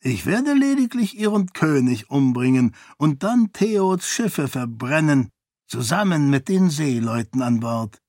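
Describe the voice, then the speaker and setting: A man's voice: fairly high pitch, very animated, measured pace, darkish tone, no room sound, studio quality, full character voice. A man voicing a cold, menacing male monk leader in an audiobook, with a raised, sneering delivery. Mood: threatening. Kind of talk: audiobook character voice.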